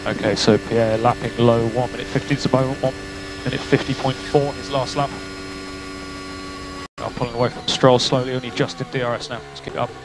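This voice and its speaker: A male race engineer speaks over race car radio in a mid-pitched voice. He gives clipped, matter-of-fact instructions and updates, often repeating key figures through the team radio link. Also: little pitch movement, a little fast, noisy background. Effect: team radio transmission.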